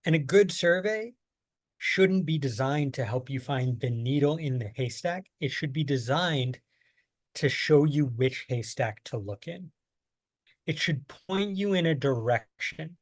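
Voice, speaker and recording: This workshop presenter from the United States teaches survey design in an online training lecture, patiently walking through plain, everyday examples. His voice is fairly high and expressive, and he keeps a measured pace. There's no echo on the audio.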